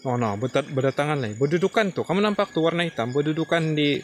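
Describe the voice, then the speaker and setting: A man vlogging a ghost hunt outdoors at night. He talks excitedly to his viewers and sometimes drops to a hushed murmur. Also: a little high, fast, a little hiss or hum. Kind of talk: night exploration vlog.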